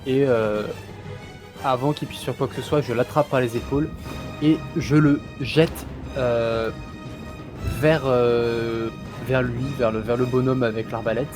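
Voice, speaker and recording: A man with a mid-range voice describes his character's actions in a tabletop game. He speaks haltingly, restarting his sentences, and music plays behind him. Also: medium pitch, fairly even intonation. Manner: hesitant, many restarts and fillers. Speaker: player.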